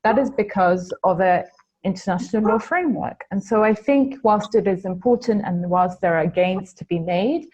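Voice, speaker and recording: A woman from Palestine giving a measured conference talk over a video call, with frequent ums and restarts. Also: mid-range voice, a little mellow, breathy edge, highs cut off. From Palestine, Galilee. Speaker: panel speaker, political analyst.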